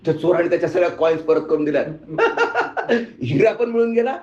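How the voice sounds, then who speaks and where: A man's voice: a little high, lively intonation, very fast, mellow. A male spiritual teacher telling a story in a sermon and asking his audience questions. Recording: echoey room, muffled sound.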